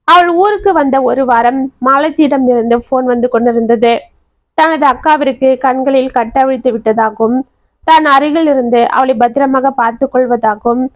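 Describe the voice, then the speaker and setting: A woman storyteller giving a steady, scripted narration of a family drama. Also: sits high, dry recording. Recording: dry, slightly dull audio.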